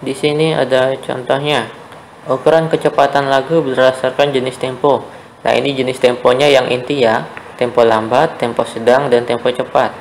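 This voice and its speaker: A man's voice: mid-range voice, flat delivery, normal speed, a little hiss or hum, low-quality recording. A young man teaching a primary-school music lesson, explaining patiently step by step. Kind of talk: online class lesson for children.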